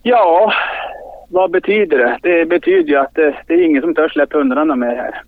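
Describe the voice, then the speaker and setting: A man leading a hunt, talking haltingly in a news interview and repeating his words as he searches for them. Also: a little high, no echo. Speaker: hunt leader interviewed by phone. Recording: tinny dry phone line.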